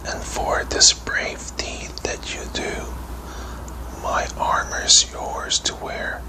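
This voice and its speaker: A worried, kindly king, voiced by a man counsels in a storybook whispered role-play. The words come slowly in a breathy whisper. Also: lightly acted, low-quality recording. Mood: solemn concern. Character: worried, kindly king advising a young boy.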